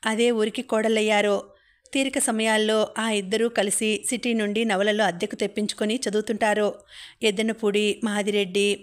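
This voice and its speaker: A woman narrating a novel as an audiobook, voicing every character in her own voice. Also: medium pitch. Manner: even, flat delivery, voicing all characters in her own voice. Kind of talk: reading a novel aloud.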